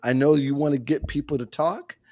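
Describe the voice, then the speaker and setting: A man's voice: on the high side, steady tone, a little fast, mellow. A man hosting a casual panel chat on a video call. He talks in a conversational way and laughs often. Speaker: host.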